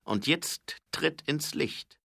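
A mocking, menacing highway robber with a loud, raised, lively voice, as a male reader puts him on. He sneers down at his hostages in this storybook scene, sharp and bright in tone. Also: slow pace, creaky, slightly rough, no room sound, studio quality, exaggerated voice.

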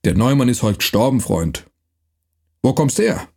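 A man doing a gruff night watchman. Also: medium pitch, big pitch swings, moderate pace, darkish tone, exaggerated voice. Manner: rough, bullying, barking. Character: huge gruff male night watchman, mercenary-like.

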